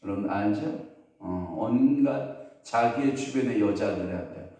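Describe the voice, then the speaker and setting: A man's voice: on the low side, measured pace, warm tone. A man preaching as pastor at an early-morning sermon, telling stories and putting questions to the congregation. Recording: very echoey hall, voice from a distance.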